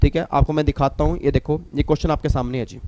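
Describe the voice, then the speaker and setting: A middle-aged man with an Indian accent teaching a tax class, lively, repeating his points and teasing students. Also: a little high, fast, highs cut off. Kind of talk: recorded classroom lecture.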